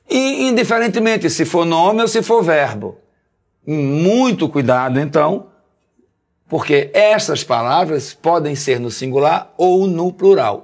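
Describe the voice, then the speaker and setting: A Brazilian man teaching a Portuguese grammar lesson, explaining step by step and often checking with "tá certo?", stretching out key syllables. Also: a little high. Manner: didactic, keeps asking "tá certo?"; sing-song, stresses syllables slowly.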